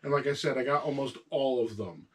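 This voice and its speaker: A man speaks with a sore throat, at a middling pitch. He chats casually and patiently as a host showing off his collection, explaining things in an informal show-and-tell way. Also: fairly quick, a bit bright. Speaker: toy collector and video host.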